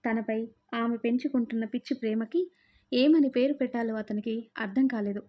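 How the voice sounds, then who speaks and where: A woman storyteller reading a romance story in a steady, measured way. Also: a little high. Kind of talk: scripted story narration. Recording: dull lo-fi sound.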